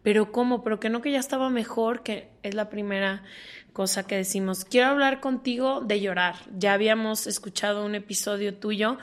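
A woman's voice: medium pitch, steady tone, brisk. A woman hosting a podcast interview, chatting in a personal, heartfelt way. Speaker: podcast host. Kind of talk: interview conversation.

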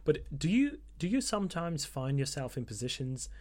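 A man's voice: on the high side, sing-song, normal speed, a little mellow. A man hosting a casual podcast, agreeing with his guests and moving the show on. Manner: agreeable, moves the show along. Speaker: podcast host.

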